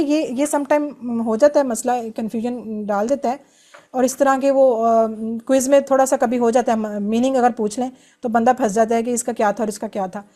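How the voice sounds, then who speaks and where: A woman's voice: on the high side, mellow. A woman teaching an online grammar class, explaining patiently step by step and drilling verb forms.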